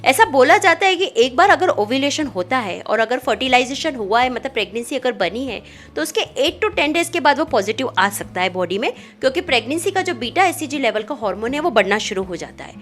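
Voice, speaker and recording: A woman gynecologist explaining pregnancy testing in a calm, clinical manner, with small fillers as she talks. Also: sits high, fairly quick, few pauses, soft background music. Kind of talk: medical explainer conversation.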